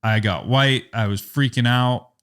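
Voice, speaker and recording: A young man, a photographer, telling a story in a casual podcast interview, rambling and animated, with a lot of "like" and acted-out quotes. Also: mid-range voice, unhurried. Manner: animated, rambling, heavy use of "like", acts out quotes. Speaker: photographer and business owner, podcast guest.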